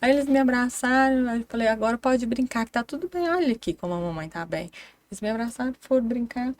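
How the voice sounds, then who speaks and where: A middle-aged Brazilian woman telling her cancer story, acting out her children's voices when she quotes them. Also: a little high. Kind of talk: emotional personal storytelling.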